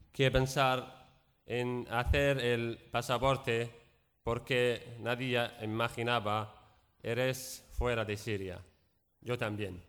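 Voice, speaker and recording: Syrian guy w/ arabic accent giving a testimony, slow broken halting speech, clear smooth voice. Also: mid-range voice, fairly bright tone. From Raqqa region, Syria. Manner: halting, broken Spanish with frequent repetitions and word searching. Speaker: guest speaker. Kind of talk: public testimony.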